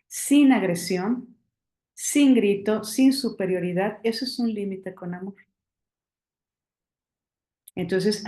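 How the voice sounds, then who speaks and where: A woman's voice: mid-range voice, roomy sound. A woman, a parenting expert explaining a technique and checking in with her listeners as she goes. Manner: warm, coaching, checks in with "¿sí?" and "ujú". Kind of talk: explaining technique to a live audience.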